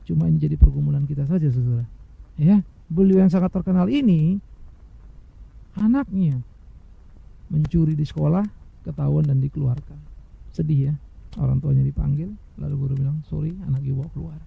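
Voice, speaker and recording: A man preaching a sermon, addressing his listeners directly, swinging between loud emphatic highs and soft, hushed lows and acting out quoted speakers. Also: moderate pace, creaky, long pauses, breathy edge, narrow, tinny audio. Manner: mimics imagined speakers in quoted asides. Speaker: pastor.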